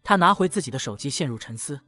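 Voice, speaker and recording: A man narrating a comic recap in a brisk storytelling manner. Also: mid-range voice, expressive, bright, forceful tone.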